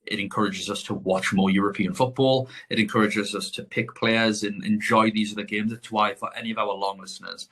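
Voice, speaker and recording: A man's voice: lowish voice, steady tone, fairly quick, hardly any pauses, fairly bright tone. A man co-hosting a podcast, chatting casually and rambling as he corrects himself mid-sentence. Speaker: podcast co-host. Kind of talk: casual chat.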